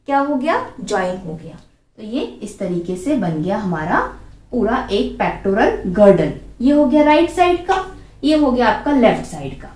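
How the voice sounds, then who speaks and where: A woman's voice: a little high, a little mellow. A young woman biology teacher explaining a diagram step by step, asking her students questions and answering them herself. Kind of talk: classroom lesson, drawing and explaining. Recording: echoey room.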